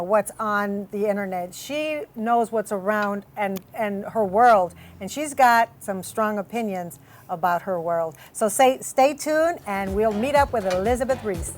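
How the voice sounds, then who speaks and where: A woman hosting a talk show, who introduces segments and asks the guest chatty questions. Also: medium pitch.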